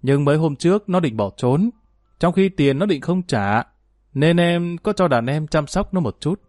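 A man's voice: a little high, expressive, normal speed, a little mellow, dry recording, natural voice. A man voicing a sly, cruel male gang boss who taunts with false politeness, recorded dry. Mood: smug taunting.

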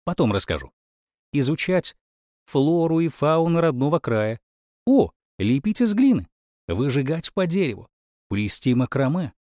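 A man voicing a calm, clever boy who reasons politely with a wry edge. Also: on the high side, measured pace, dry recording, clean studio sound, voice pushed up. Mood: reasoning. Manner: polite, reasoning, mildly ironic.

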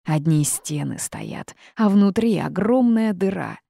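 A woman's voice: fairly low pitch, animated, gravelly, mellow, dry recording, studio quality, heavily acted. Woman voicing a grumbling melodramatic phoenix. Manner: grumbling, wailing, drawn-out complaints. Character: grumpy male phoenix, theatrical and rude. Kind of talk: audiobook character voice.

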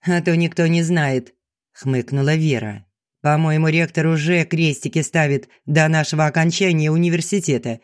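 A man's voice: a little high, normal speed, natural voice. A man reading an audiobook, voicing a sly young female student who teases and mocks her friends. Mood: teasing. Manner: teasing, mocking.

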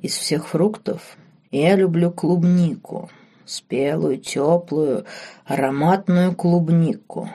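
A woman voicing a seductive duke, slow and hushed. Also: lowish voice.

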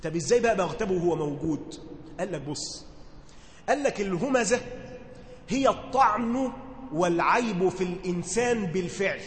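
A man with an Egyptian accent teaches a religious lesson in a high, light voice. He moves between formal reading and relaxed dialect and often stops to ask his listeners questions. The recording has the long, roomy reverb of a hall with faint ambience behind. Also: slight background noise. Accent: Egyptian Arabic. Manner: conversational, asks listeners questions to check understanding. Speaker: teacher explaining Quran commentary.

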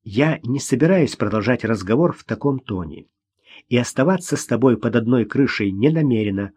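Guy doing a firm young woman, clipped lines, husky, lively pitch. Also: moderate pace. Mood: curt. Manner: curt, speaking through teeth. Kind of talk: audiobook character voice.

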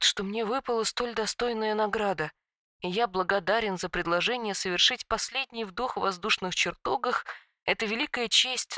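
A woman voicing a grieving female dragon who speaks in hushed, tearful, theatrical tones. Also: mid-range voice, no echo, clean studio sound, lightly acted.

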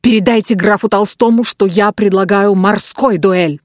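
A woman's voice: mid-range voice, fairly even intonation, normal speed, no room sound, clean studio sound, natural voice. A woman reading the part of a nervous, desperate male naval officer, with a ringing, agitated, faltering voice.

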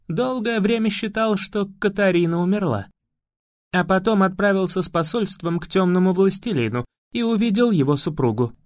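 A man's voice: sits high, no echo, studio quality. A man reading an audiobook voices a lovelorn, stern male elf guardian, speaking in an earnest, grave way.

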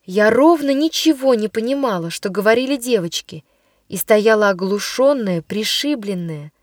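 A woman reading a children's storybook aloud, measured and expressive. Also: medium pitch, no echo, clean studio sound. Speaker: audiobook narrator. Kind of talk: storybook narration.

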